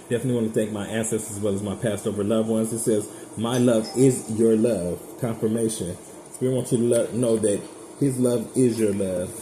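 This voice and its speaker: A man's voice: on the low side, steady tone, quick pace, warm tone. A man giving a casual tarot reading straight to his viewers, chatty, blunt and profane. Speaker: tarot reader. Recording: echoey room with background noise.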